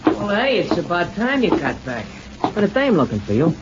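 An actor playing a cheeky, grumbling young sidekick to a detective in an old-time radio drama. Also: male voice, high-pitched, huge pitch swings, moderate pace. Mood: teasing, eager. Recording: dull, noisy old radio recording.

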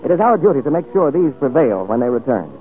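A man announcing on a scripted 1940s radio show in a formal, measured delivery, heard as an old radio broadcast. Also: mid-range voice, big pitch swings. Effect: old radio broadcast sound. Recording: tinny old radio broadcast, faint music.

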